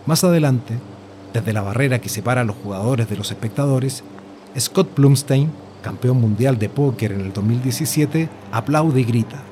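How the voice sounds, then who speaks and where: A man's voice: medium pitch, moderate pace, background noise. A man reading a scripted journalistic story as narrator. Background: music.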